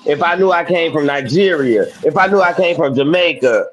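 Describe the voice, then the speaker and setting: A man's voice: on the high side, lively intonation, brisk, poor audio. A man on a podcast panel who speaks emphatically, swears freely and repeats himself as he argues in a heated debate. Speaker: panel guest.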